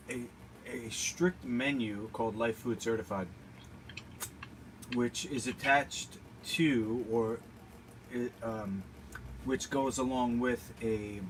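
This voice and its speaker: A man speaking in a casual livestream monologue as a health coach, haltingly searching for words. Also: mid-range voice, low-quality recording. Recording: noticeable background noise.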